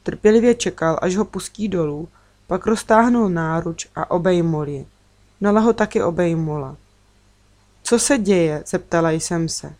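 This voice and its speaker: A woman reading a children's book aloud in a calm, measured storytelling voice. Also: on the low side. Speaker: narrator.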